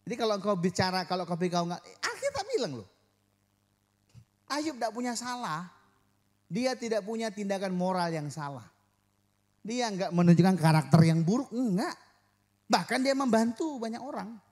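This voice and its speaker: A man's voice: high-pitched, big pitch swings, moderate pace, pauses often, a little mellow. A man preaching a sermon as pastor to his church, joking with the congregation and acting out quoted voices.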